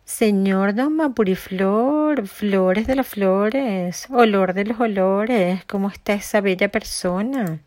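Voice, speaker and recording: A woman voicing a timid, flattering little male opossum in a storybook tale, drawing out his words. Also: mid-range voice, no echo, natural voice. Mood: fawning. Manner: fawning, drawn-out flattery.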